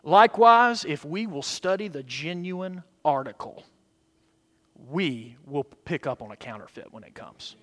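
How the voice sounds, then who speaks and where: A man preaching a sermon like a TV preacher, emphatic, moving between hushed asides and loud declarations and checking in with his congregation. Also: fairly high pitch, expressive, measured pace. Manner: seeks affirmation from congregation with short questions. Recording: long hall reverb.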